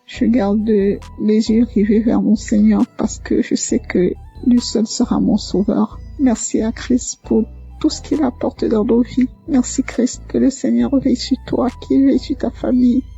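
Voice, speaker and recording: A woman telling her personal faith testimony, hesitant and halting, full of fillers and restarts. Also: fairly high pitch, little pitch movement, creaky, slightly rough. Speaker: testimony caller. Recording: muffled lo-fi audio with soft music.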